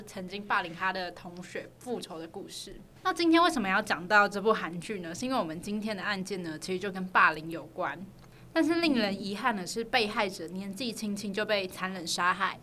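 A woman's voice: mid-range voice, bright, forceful tone, a little hiss or hum. A woman with a Taiwanese Mandarin accent tells a true crime story as a podcast host, in a conversational narrator's style.

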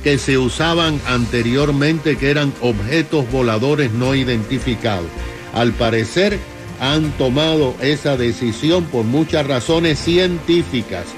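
A man co-hosting on radio, explaining a news item to his partner in a measured way. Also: medium pitch. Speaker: radio co-host. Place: radio studio. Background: music bed.

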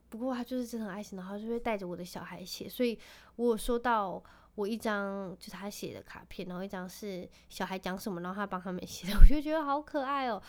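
Chatty woman in her thirties. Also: mid-range voice. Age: 30s. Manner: chatty, laughs often, tender storytelling. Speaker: podcast host. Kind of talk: casual chat.

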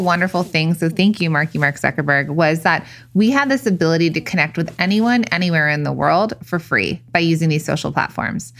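A woman's voice: fairly low pitch, fairly bright tone. Laughing, chatty woman podcast co-host. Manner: chatty, laughs often, jokey asides. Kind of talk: casual podcast chat.

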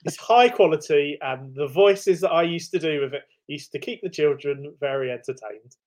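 Podcast co-host: man, fairly high voice, halting, restarts his sentences. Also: darkish tone. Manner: hesitant, stumbling restarts. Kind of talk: casual chat.

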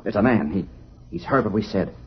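An actor playing a slick, blustering Eastern mining swindler, the villain of an old-time radio western. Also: male voice, on the low side, animated, brisk, close to an everyday voice. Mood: frustrated. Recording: dull, noisy vintage radio recording.

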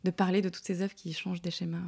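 A woman's voice: fairly low pitch, level tone, quick pace, creaky, a little mellow, husky. A woman in her thirties chatting as a podcast guest, with many fillers and words that trail off to near-whispers. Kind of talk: casual interview chat.

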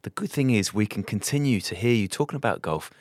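A man's voice: lowish voice, lively intonation, quick pace, no echo, clean studio sound. A man co-hosting a podcast in casual chat, chatty and laughing often. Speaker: podcast co-host.

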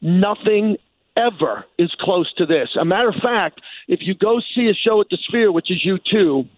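A New York man with a notably high voice, sounding like a radio guest, talks sports in an animated interview, hammering his points home by repeating phrases for emphasis. He speaks at a normal pace, and the audio is thin and narrow like a phone line, dry and close with no echo.

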